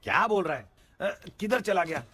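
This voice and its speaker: A man's voice: sits high, expressive, normal speed, bright, forceful tone, slight background noise. A man in a Hindi dub, playing a careless, playful father who talks in a sing-song way. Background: music.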